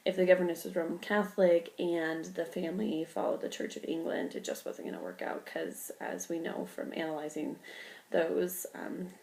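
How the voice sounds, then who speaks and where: This young woman's stuffy, cold-affected voice is lowish, steady and a little mellow, moving at a moderate pace with a gravelly creak. She delivers an informal class presentation loaded with ums and likes, and the recording is rough.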